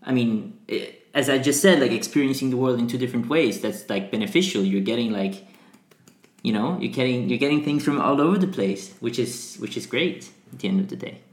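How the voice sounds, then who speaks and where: A young Brazilian man, a native Portuguese speaker, chats casually as a podcast guest in an echoey room. His mid-range voice is brisk, and he rambles with lots of fillers and restarts.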